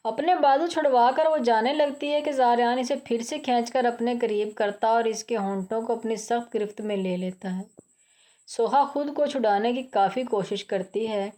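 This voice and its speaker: Female narrator with an Urdu-inflected accent, fairly high but mellow, steady novel-reading delivery. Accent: Urdu-inflected Hindustani.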